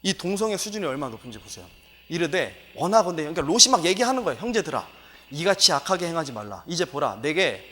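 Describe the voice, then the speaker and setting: A man's voice: on the high side, big pitch swings, fast talker, sharp tone, breathy edge, in a large hall. A male pastor giving a sermon lecture, emphatic and exclaiming, with many filler words.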